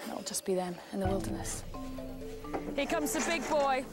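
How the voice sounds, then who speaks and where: A woman's voice: sits high, expressive, normal speed. A woman presenting a nature documentary in the field, giving unscripted, exclamatory commentary as she works. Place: on location during animal work. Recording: loud music under location sound.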